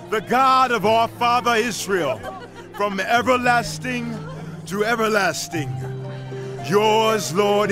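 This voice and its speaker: An actor playing a devout king in a dramatized scripture audiobook, declaiming solemnly and fervently. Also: high-pitched. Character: King David, devout male ruler addressing his people and God. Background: music.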